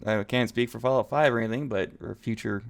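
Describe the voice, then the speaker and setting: Gravelly podcast guy ranting about games, opinionated. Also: mid-range voice, quick pace. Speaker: podcast co-host. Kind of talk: casual gaming chat.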